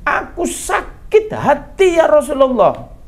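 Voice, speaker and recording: A male preacher voicing an elderly mother who is hurt and bitter toward her son, his voice jumping high and strained. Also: steady tone, normal speed, a little mellow, natural voice. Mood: wounded. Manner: voice jumps high and strained when wailing. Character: grieving elderly mother, bitter then forgiving.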